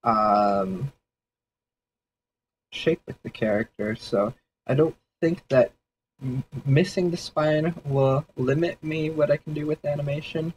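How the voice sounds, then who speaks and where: Speaking slowly in a slightly high voice, a man streaming a 3D sketch session muses out loud, wandering and hedging with fillers while he lays out his thinking. The rough recording carries slight background noise.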